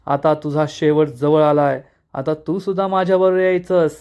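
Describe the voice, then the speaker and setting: A man voicing the vengeful ghost of a murdered woman in a retold serial scene, speaking in a slow, accusing, threatening way. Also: on the high side, flat delivery, smooth, lo-fi sound, natural voice.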